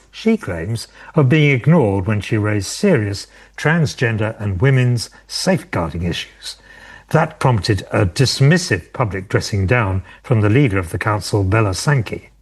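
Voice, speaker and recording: A man with a fairly low, husky voice hosts a local radio politics show. He introduces candidates in a measured manner, hesitating now and then.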